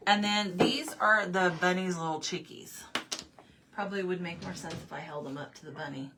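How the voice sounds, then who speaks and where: A woman's voice: on the low side, moderate pace, very noisy. A woman hosting a craft livestream, chatting casually while she paints and answering viewer comments in loose, laughing asides. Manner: laughs often, talks in loose run-on asides.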